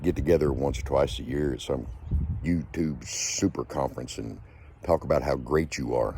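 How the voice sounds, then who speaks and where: A man's voice: very deep voice, moderate pace, noisy background. A man hosting his own channel, delivering an angry, profane rant with lots of repetition. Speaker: channel host.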